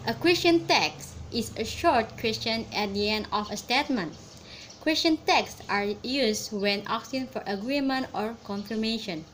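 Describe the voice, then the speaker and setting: A young Indonesian woman giving a class grammar presentation, reading English examples slowly and explaining quickly. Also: a little high, fairly bright tone, a little hiss or hum, low-quality recording. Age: young adult. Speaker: student presenter.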